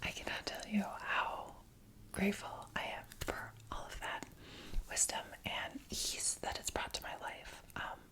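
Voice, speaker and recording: A woman whispering an informal, rambling ASMR chat close to the microphone, with halting asides. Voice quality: soft unvoiced whisper. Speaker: ASMR video creator. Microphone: close external microphone plugged into phone.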